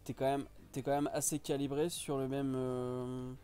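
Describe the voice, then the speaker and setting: A man's voice: medium pitch, level tone, moderate pace, warm tone, faint music behind. A man hosting a casual live stream, chatting and reacting to viewers' comments.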